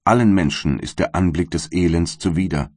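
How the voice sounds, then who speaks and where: A man's voice: low voice, normal speed, a little mellow, dry recording, studio quality. A man voicing a huge male creature in an audiobook reading, solemn and reproachful. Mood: menacing. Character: hulking male creature, bitter and pleading.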